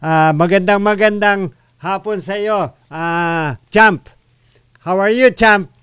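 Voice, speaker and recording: A Filipino man hosting a radio boxing program, mixing Tagalog and English with frequent filler pauses as he interviews a boxer. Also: sits high, fairly bright tone, smooth, no echo, clean studio sound. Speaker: radio boxing show host.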